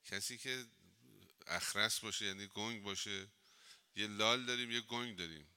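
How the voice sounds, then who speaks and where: A man's voice: fairly low pitch, pushed and bright, smooth. A man, a cleric, giving an informal religious lesson in a mosque, talking conversationally and telling humorous anecdotes.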